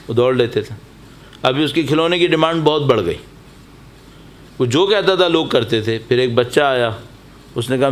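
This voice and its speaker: A man's voice: mid-range voice, a little hiss or hum. A man delivering a religious sermon at a mourning gathering, telling stories and exhorting his listeners with emphatic repetition. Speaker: preacher. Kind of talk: Muharram majlis sermon. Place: mosque or majlis hall.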